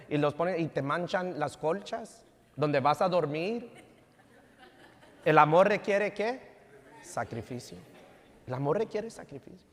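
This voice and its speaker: Man, pastor, 30s, sermon, switches between Spanish and English, slightly high voice, long church reverb. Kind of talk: sermon with family stories. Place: church sanctuary.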